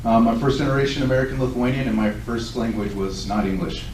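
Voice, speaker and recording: The recording comes from a tablet placed far off in a big, echoing event hall, with some faint noise. A candidate in his forties from Southern California speaks and takes questions at the forum, sounding earnest and sure of himself. His mid-range voice is a little mellow, and he talks fast.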